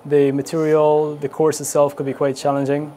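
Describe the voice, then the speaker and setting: A Guyanese-accented man who works as an air traffic controller answers interview questions informally in a voice that's on the high side, monotone, and mellow, at a moderate pace. It's a location interview with clearly noisy surroundings.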